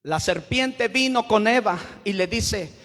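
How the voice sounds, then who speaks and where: A male pastor delivering a sermon, breaking into sudden shouts for emphasis. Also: high voice, animated, a little slow, in a large hall.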